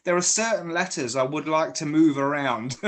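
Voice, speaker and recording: A man from Guernsey, whose British English blends Channel Islands and South Yorkshire accents, interviews someone in a casual video chat, often restarting his sentences. His voice is a little high, animated, unhurried and fairly bright.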